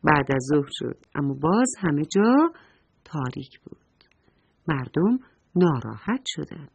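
A woman's voice: deep voice, sing-song, creaky, darkish tone, slightly rough. A woman narrating a bedtime story for children, speaking tenderly and addressing them directly.

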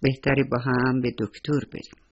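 Caring mom, as a man reads her, soft tender voice, slightly husky. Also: mid-range voice, completely flat delivery, muffled recording, lightly acted. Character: loving mother of a young boy, caring.

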